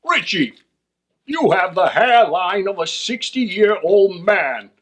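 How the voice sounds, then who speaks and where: A man's voice: high-pitched, sing-song, takes it slowly, heavy background noise, full character voice. A man voicing a blunt, needling puppet pal in a sitcom parody.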